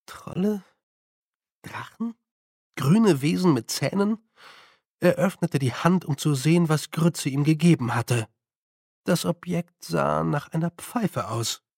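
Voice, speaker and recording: A man narrating an audiobook in German with measured, wry storytelling. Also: a little high, lively intonation, vocal fry, a little mellow, no room sound, studio quality.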